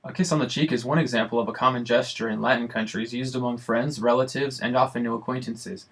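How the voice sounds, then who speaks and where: A man's voice: medium pitch, fairly even intonation, fast, fairly bright tone, low-quality recording. A man reading scripted documentary narration in a plain explanatory way.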